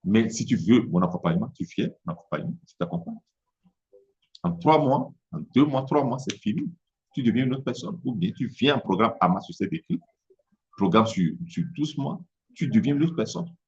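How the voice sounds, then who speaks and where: In a muffled recording, a Togolese coach whose mother tongue is Mina haltingly motivates his audience in French marked by an Italian-like accent, often repeating words as he looks for them. His medium-pitched voice swings widely and has a slightly mellow quality.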